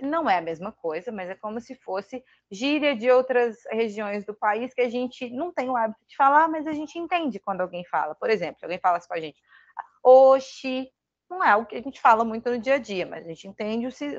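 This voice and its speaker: A woman's voice: fairly high pitch, lively intonation, fairly quick, lo-fi sound. A woman with a Brazilian Portuguese accent giving a casual online English lesson, chatty and thinking aloud with self-deprecating asides. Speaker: English teacher.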